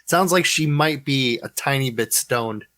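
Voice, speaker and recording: A man co-hosting a podcast, chatting casually and tossing in wisecracks. His voice sits at an ordinary middle pitch. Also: normal speed, a bit bright. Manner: wisecracking and laughing. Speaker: podcast co-host.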